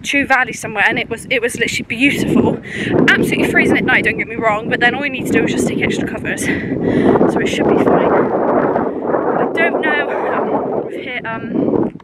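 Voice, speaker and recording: A woman's voice: fairly high pitch, moderate pace. A young woman vlogging on a windy mountain hike, chatty and rambling, a bit out of breath. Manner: chatty, rambling, says "literally" a lot. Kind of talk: casual vlog chat while hiking. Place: windy mountain trail outdoors. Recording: loud wind noise on mic.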